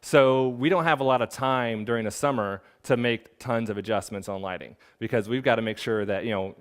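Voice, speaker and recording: Fast-talking male photographer directing a shoot. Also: mid-range voice. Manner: casual, directs the model, many fillers. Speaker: portrait photographer teaching. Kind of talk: hands-on studio demonstration. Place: photo studio.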